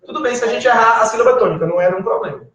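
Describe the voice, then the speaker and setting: A man's voice: extremely high pitch, racing, a bit bright. A man teaching a Biblical Greek class at a whiteboard, patiently prompting students to read letters aloud. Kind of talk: classroom lesson. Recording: echoey, distant, muffled classroom recording.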